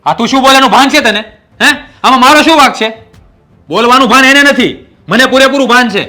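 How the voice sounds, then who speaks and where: Bossy angry older brother, Gujarati accent, high bright voice, rapid scolding. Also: male voice, soft background music, full character voice. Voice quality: scolding, shouty, rapid retorts. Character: hot-tempered bossy older brother, man. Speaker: stern elder brother in the family. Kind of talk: scripted family drama acting.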